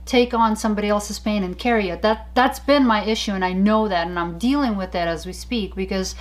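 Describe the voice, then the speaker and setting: A woman co-hosting a casual podcast chat, animated and laughing often as she tells stories. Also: mid-range voice, a little fast. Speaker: podcast co-host.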